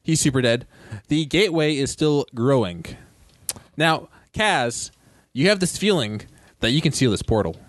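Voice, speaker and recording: Man game master, animated voice, dry close sound, laughs a lot, narrating a tabletop game. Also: medium pitch, moderate pace, no room sound. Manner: laughs often, loose and joking.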